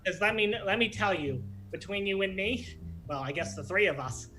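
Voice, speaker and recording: A man's voice: sits high, expressive, bright, forceful tone, soft background music. An actor playing a worn-out man who gives up running a housing complex, rambling wryly in an improv comedy scene. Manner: rambling and wry, with slow drawn-out stretches. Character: weary man handing off a burdensome building-manager job.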